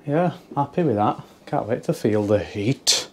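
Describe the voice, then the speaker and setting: Chatty electrician with a mellow voice. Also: male voice, mid-range voice, expressive, measured pace, breathy edge. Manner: chatty, self-mocking, rambling asides. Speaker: electrician vlogger. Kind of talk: casual commentary while working. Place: indoors at a house job. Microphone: handheld camera mic.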